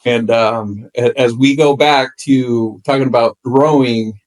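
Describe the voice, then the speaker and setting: A man's voice: medium pitch, fairly even intonation, slow, darkish tone, low-quality recording. Easygoing man with a Mexican accent. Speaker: guest. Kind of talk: casual chat.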